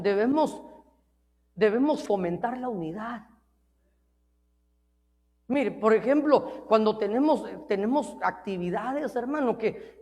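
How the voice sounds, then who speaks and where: A man's voice: very high voice, darkish tone. A man preaching an informal sermon in earnest tones, repeating himself and often calling listeners brother, with joking asides. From Mexico. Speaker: pastor. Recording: long reverb of a large hall.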